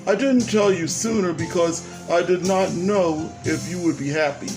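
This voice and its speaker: Guy reading a story doing a soft gentle young woman, tender and careful, voice a bit high. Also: normal speed, music in the background, close to an everyday voice. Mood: hesitant.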